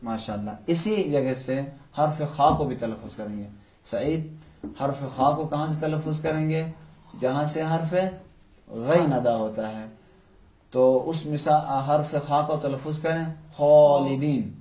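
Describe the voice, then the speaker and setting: A male Quran recitation teacher leads a lesson for children, his voice sitting a little above the usual male range. He is patient, often asks a question and then answers it himself. He stretches example words out slowly so each sound is clear. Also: on the high side, a little mellow.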